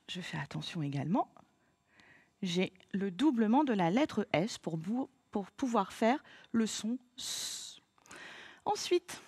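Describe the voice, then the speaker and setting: A woman teacher leading a child through a slow, patient spelling lesson, spelling words letter by letter. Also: fairly high pitch, darkish tone, no room sound, clean studio sound.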